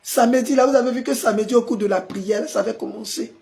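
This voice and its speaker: A pastor hosting a live stream, hoarse from a sore throat and forcing his voice out as he chats with viewers and answers their comments. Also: extremely high pitch, quick pace, a little mellow. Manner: chatty, greets viewers by name and answers comments.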